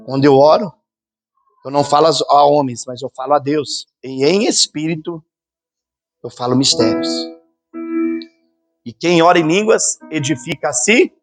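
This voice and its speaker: A man preaches with fervor from a church stage, his voice sitting a little higher than most men's. He slips into the voices of the people he quotes as he goes. Steady music plays clearly beneath his words. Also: normal speed, long pauses. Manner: fervent preaching, acts out quoted voices and sounds. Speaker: pastor. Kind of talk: sermon. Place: church conference hall. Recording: sermon with music playing underneath.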